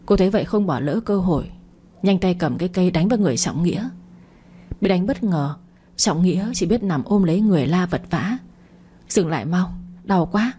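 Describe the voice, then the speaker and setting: A woman's voice: lowish voice, animated, fairly quick, mellow, breathy edge. A woman reading a story aloud, narrating and briefly voicing each character herself. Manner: reads every character herself with light voice changes.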